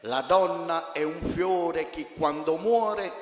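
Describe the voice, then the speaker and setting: Man, slightly high voice, formal recital of maxims, long reverb. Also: takes it slowly, over music. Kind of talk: reciting sayings in formal Italian. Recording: echoey hall, noisy.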